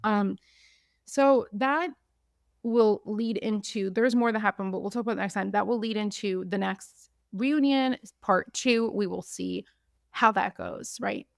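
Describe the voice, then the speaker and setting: A woman hosting a podcast, recapping in casual chat, animated, acting out what others said. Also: medium pitch, unhurried, vocal fry, no room sound, clean studio sound. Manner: animated, acts out quotes, frequent "like". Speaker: podcast host.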